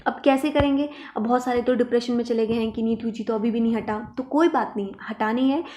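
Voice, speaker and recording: A woman's voice: a little high, steady tone, fast, warm tone, slight background noise. A woman teaching an online exam-prep lesson, emphatic and reassuring, checking in with her students often. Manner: repeats "ठीक है" and "देखो" to check in with students.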